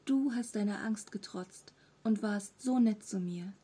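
Woman doing a storybook monster, small, furry, three-eyed, mischievous, rough half-whisper, breathy. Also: medium pitch, a little slow, warm tone. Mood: cheeky friendly. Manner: mischievous, friendly. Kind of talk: audiobook character voice.

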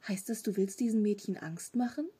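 A woman's voice: mid-range voice, fairly quick, warm tone, husky. A woman reading a storybook, voicing an earnest, questioning nine-year-old boy.

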